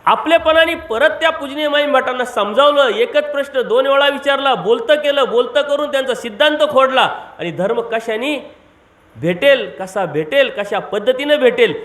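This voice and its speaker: High-voiced preaching man in an echoey room. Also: lively intonation, normal speed, a bit bright. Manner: rhetorical questions and emphatic repetition. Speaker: monk preacher. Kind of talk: devotional sermon.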